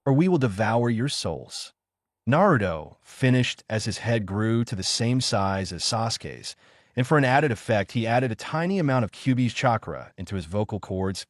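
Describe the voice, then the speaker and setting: A man with a fairly low voice reads a fan fiction story aloud at a steady pace. He misreads a word now and then. The sound is dry and close to the mic. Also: no echo. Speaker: reader.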